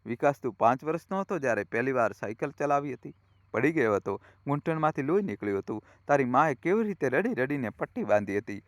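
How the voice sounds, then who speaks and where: A man's voice: mid-range voice, animated, fast talker, no echo, studio quality, close to an everyday voice. A man voicing a dying, grief-stricken old father. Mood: grieving. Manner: grieving, tender, reproachful. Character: dying heartbroken old father, seventy-five.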